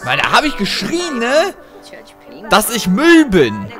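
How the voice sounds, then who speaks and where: A man voicing a dim-witted adult male game character who rants in a high, loud, whiny voice over game music. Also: huge pitch swings, slow, heavily acted. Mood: indignant whining. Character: dim, indignant adult male Sim ranting. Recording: game music playing behind.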